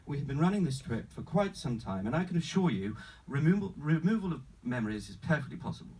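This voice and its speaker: A man's voice: on the high side, big pitch swings, fast talker, a little mellow, far from the mic, a little hiss or hum, poor audio. Man playing a formal travel agent, swooping intonation. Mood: calmly assured. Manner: formal, courteous, salesman-like, calls the customer sir. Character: unflappable, smiling male travel agent with a sinister pitch. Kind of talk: live screenplay table read.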